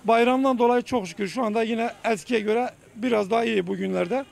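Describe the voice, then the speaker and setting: A man's voice: very high-pitched, brisk, gravelly. A male market trader, answering off the cuff in a street interview. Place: outdoors at a market.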